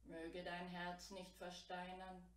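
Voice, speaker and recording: A woman's voice: lowish voice, completely flat delivery, slow pace. A solemn enchanted fish, son of a river king, pleads for his freedom, as a woman storyteller puts him on. The fairy-tale voice rings in an echoey room. It is picked up from some distance. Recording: roomy, distant mic.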